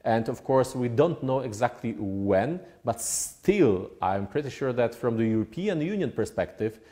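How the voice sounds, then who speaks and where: A man with a Polish accent giving formal interview answers in a deliberate, diplomatic way with hesitant phrasing. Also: mid-range voice, sing-song, mellow. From Poland. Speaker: ambassador, interview guest.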